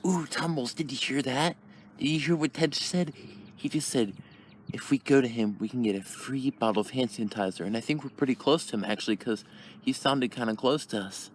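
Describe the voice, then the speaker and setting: A man voicing an eager, gullible plush toy who talks in a hushed voice. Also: medium pitch, a little fast, a little hiss or hum, natural voice. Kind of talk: plush toy puppet skit.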